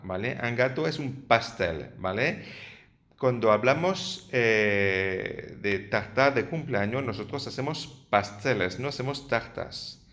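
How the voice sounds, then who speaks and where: Slow, patient male teacher. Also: fairly low pitch. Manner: slow and patient, repeats words often, says "vale" a lot. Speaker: French teacher. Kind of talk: explaining vocabulary and grammar.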